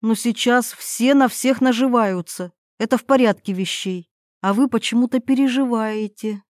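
A woman's voice: on the high side, normal speed, no room sound, studio quality, natural voice. A woman reading a weary, pleading lost woman. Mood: puzzled. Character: exhausted young woman lost in a forest. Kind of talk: audiobook character reading.

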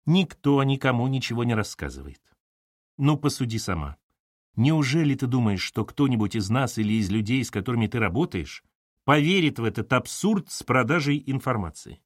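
A man's voice: medium pitch, lively intonation, normal speed, no echo, clean studio sound, lightly acted. A man doing a stern, commanding mother. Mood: soothing. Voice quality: stern, authoritative.

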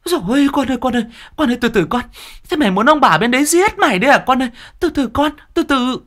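A woman's voice: sits high, lively intonation, rapid-fire, fairly bright tone. A woman voicing a distraught elderly mother who laments and cries out in fretful wails. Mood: frantic.

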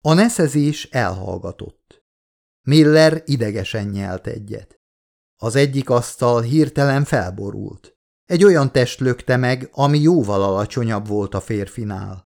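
A man reads an audiobook aloud in a measured, steady way. His voice sits at an ordinary middle pitch. His reading lifts as the story gets tense. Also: gravelly. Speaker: audiobook narrator. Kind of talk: scripted narration.

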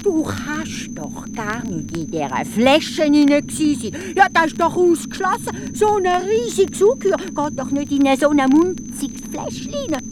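A woman's voice: sits high, very animated, measured pace, few pauses, background noise, voice pushed up. A woman with a Swiss German accent voicing a clever young peasant boy, bold and cheeky in manner.

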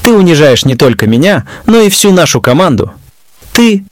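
Brief: male narrator doing a shaken, pleading captain and father, in a dry, lively voice. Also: on the high side, normal speed, no echo. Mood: pained. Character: distraught middle-aged male yacht captain and father.

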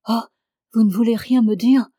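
A woman reading the lines of a distraught young woman who talks quickly. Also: medium pitch, a little mellow, dry recording, clean studio sound, lightly acted.

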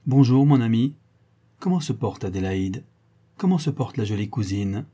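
A man voicing a breezy, teasing young gentleman friend. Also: on the low side, lively intonation, moderate pace, breathy edge.

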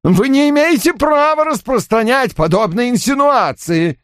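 A man voicing an agitated, indignant man who talks in a raised, excited way. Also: sits high, measured pace, no echo, clean studio sound, voice pushed up. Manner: excited, shouting.

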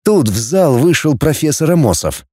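Dark-voiced male audiobook narrator. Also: on the high side, normal speed, breathy edge, dry recording, studio quality. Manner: expressive storytelling.

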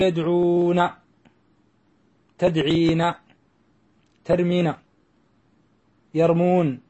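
A man's voice: on the high side, a little mellow, slightly rough. A man teaching a grammar lesson, explaining step by step and drawing out the example words.

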